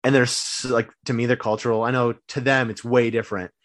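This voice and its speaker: An easygoing man from the United States takes the quiz on a casual podcast, reacting with short quips. His voice sits at an ordinary pitch and is recorded close and dry. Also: little pitch movement, brisk, a bit bright, no room sound. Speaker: podcast co-host, quiz contestant. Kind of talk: casual chat.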